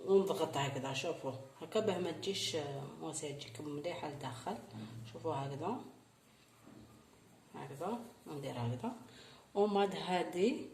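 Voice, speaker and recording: A middle-aged woman with an Algerian Arabic accent, who hosts a baking channel and talks viewers through each step of a recipe, repeating her instructions. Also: fairly low pitch. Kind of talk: cooking tutorial. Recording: echoey room with faint noise.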